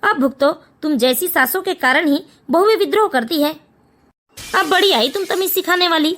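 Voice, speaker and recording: A woman voicing a stern, blunt, fed-up older father-in-law in an animated family story. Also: extremely high pitch, moderate pace. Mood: scolding. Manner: blunt, scolding.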